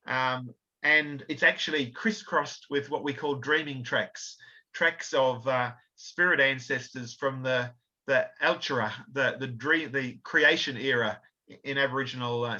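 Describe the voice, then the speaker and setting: A man's voice: mid-range voice, fairly even intonation, a little slow, pushed and bright. A man gives an illustrated history talk, explaining slides with fillers and self-corrections. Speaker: author and researcher giving a talk. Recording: slightly dull lo-fi audio.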